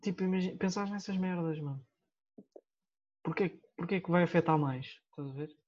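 A man's voice: high-pitched, brisk, a little mellow. A young man with a European Portuguese accent chatting casually in repetitive slang, on a dull lo-fi recording. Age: young adult. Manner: slangy, repetitive filler words. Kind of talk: casual chat. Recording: dull lo-fi sound.

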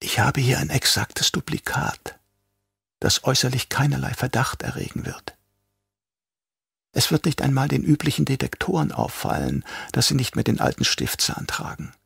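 Man voicing a crazed old traitor doctor, whispery, drawn-out, gravelly, husky, slightly raised pitch, audiobook. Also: very animated, fairly bright tone, no room sound, studio quality, heavily acted. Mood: sly menace. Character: old male traitor doctor, mad, sly, soft-spoken.

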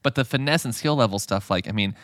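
A man's voice: mid-range voice, fast talker, fairly bright tone, no echo, clean studio sound. A man in his thirties chatting casually on a podcast, telling self-mocking stories and laughing often. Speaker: podcast host. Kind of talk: casual chat.

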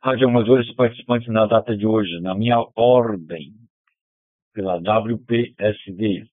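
A man's voice: lowish voice, measured pace, no echo, narrow, tinny audio. A man running and closing an amateur radio net, reading out call signs in the phonetic alphabet, heard over a digital ham radio link. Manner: steady, reads call signs in the phonetic alphabet, keeps asking "tá bom?". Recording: thin, dry digital radio audio.

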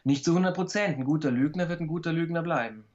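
A man explaining body language in a calm, example-filled way during a video call interview. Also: fairly high pitch, fast, dull audio. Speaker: body language expert guest.

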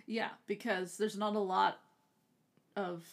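A woman's voice: medium pitch, flat delivery, slow pace. A woman co-hosting a casual book discussion, chatty and filling in plot details. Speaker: book podcast co-host.

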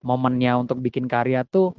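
A man talking about songwriting in a casual conversation, reflective and halting, restarting his sentences. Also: mid-range voice, a little mellow, clear, resonant tone, no room sound.

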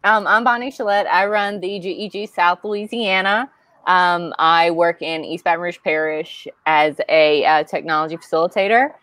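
A woman working as a technology facilitator, introducing herself slowly with fillers over a video call. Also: lowish voice, fairly bright tone, dry recording.

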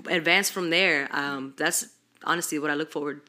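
A young woman chatting casually and candidly as a podcast guest, animated, slangy and swearing freely. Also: deep voice, moderate pace.

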